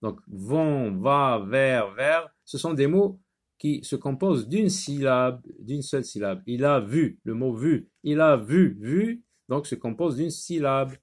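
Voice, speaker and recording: Guy teaching phonics super slowly, patient, spells every word out letter by letter. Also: mid-range voice, lively intonation. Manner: slow, deliberate word repetition. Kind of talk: phonics lesson.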